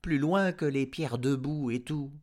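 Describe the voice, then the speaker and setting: A man's voice: mid-range voice, measured pace, darkish tone, pitched above the performer's own voice, close to an everyday voice. A man voicing a frightened, panting male farm dog in a read-aloud storybook, with squealing, panicky cries. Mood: nervous. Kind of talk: audiobook character voice.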